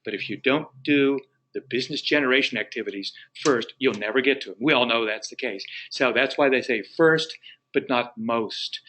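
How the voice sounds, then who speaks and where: A man's voice: mid-range voice, moderate pace, pushed and bright, a little hiss or hum, rough recording. A man leading a live training webinar for real estate agents, talking in a folksy, encouraging, conversational way.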